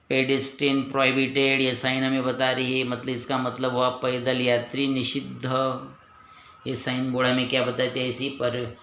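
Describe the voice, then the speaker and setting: Male teacher, slow and patient, repeats instructions, reverberant room, light background hiss. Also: medium pitch, pushed and bright. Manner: patient, repeats each point, asks and answers own questions. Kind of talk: lesson for pupils.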